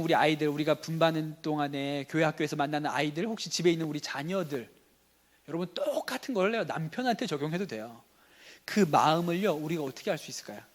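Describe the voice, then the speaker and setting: A man preaching a sermon as pastor, talking conversationally and asking the congregation rhetorical questions. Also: a little high. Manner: conversational, acts out everyday dialogue. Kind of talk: sermon at a teachers' revival meeting.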